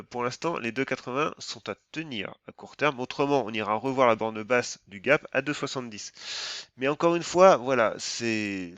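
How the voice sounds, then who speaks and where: A man's voice: medium pitch, fairly bright tone, clean tone, no room sound, muffled recording. Hesitant man thinking aloud over charts. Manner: thinks aloud while reading charts, in loose, hesitant, broken phrasing. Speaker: stock market chart analyst. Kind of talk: informal technical-analysis walkthrough.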